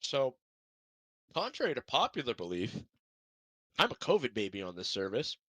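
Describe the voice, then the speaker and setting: A man's voice: mid-range voice, wildly swooping pitch, normal speed, pushed and bright, no room sound. A young man co-hosting a sim racing broadcast, chatting casually and rambling in an upbeat, self-deprecating way. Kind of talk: casual podcast chat.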